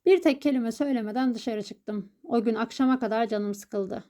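A woman narrating a story as an audiobook reader, telling it in a steady, even way. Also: fairly high pitch, moderate pace.

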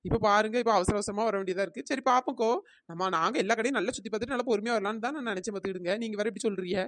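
A woman's voice: medium pitch, fairly bright tone, no echo, natural voice. A woman voicing a chatty, cheeky young village woman in a cartoon, arguing back. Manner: rapid, argumentative, talks back. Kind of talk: cartoon dialogue.

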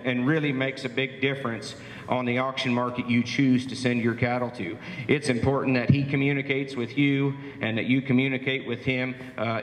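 A man's voice: mid-range voice, fairly bright tone. Folksy man speaking in an echoey hall. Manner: plainspoken, folksy, frequent "uh" fillers. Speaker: livestock auction market speaker. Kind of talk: presentation to cattle producers. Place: meeting hall. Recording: roomy hall, long echo.

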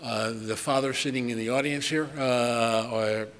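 A man's voice: medium pitch, steady tone, unhurried, fairly bright tone. An older man giving a conversational conference keynote from a podium in a large hall, with chuckling asides and frequent ums. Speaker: keynote speaker. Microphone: podium microphone. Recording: long hall reverb, faint room noise.

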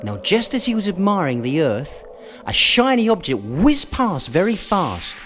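A man narrating a children's audiobook in an expressive storytelling manner with dramatic pauses. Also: high-pitched, faint music behind. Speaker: voiceover artist.

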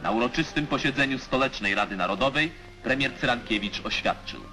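Guy doing old 1950s newsreel voiceover, formal and proclaiming, mid pitch, music playing behind. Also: animated, brisk, bright, forceful tone. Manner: formal, declamatory. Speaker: newsreel narrator.

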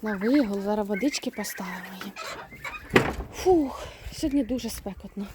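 A woman's voice: mid-range voice, lively intonation, moderate pace. A woman chatting casually in a farm vlog, explaining as she works and coaxing her animals. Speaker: homestead vlogger. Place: outdoor farmyard with poultry. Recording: loud farmyard noise, birds clucking. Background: loud clucking poultry.

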